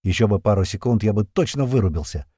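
A man narrating a tense first-person audiobook, with swearing and lively storytelling. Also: lowish voice, quick pace, no echo, studio quality.

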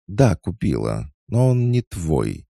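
A man's voice: deep voice, sing-song, slow pace, gravelly, warm tone, dry recording, studio quality, pitched above the performer's own voice, exaggerated voice. A man voicing a timid but stubborn young girl who stammers and talks shrilly. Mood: defiant.

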